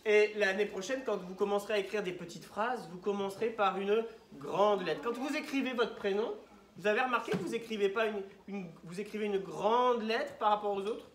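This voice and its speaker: A woman's voice: mid-range voice, a little fast, a little hiss or hum. Patient woman teaching young children. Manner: patient, questioning, encouraging children. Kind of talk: classroom teaching. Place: classroom. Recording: echoey classroom, from far off.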